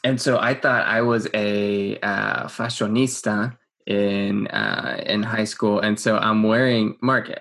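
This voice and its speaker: A young man with a somewhat low voice chats on a podcast with an old friend. He recalls stories in a loose, unhurried way and pauses to find his words. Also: gravelly. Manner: relaxed, hesitant recollection with fillers and restarts. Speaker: podcast co-host. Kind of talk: casual chat.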